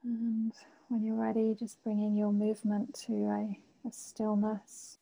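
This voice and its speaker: Female meditation guide, sleep-story narrator feel: soft-toned and mellow, very even pitch, lots of space between phrases. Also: vocal fry, low-quality recording. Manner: gentle, unhurried phrasing with long pauses.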